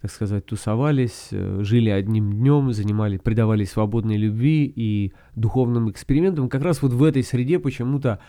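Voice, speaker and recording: A man hosting a solo podcast, explaining things in a reflective, halting, conversational way. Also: medium pitch, dark tone, no room sound, clean studio sound. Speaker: podcast author and host.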